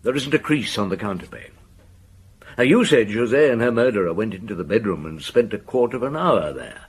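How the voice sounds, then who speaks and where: An actor playing a shrewd, dogged middle-aged police inspector in a radio drama, measured and dryly polite as he probes. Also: on the low side, animated, breathy edge. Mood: probing.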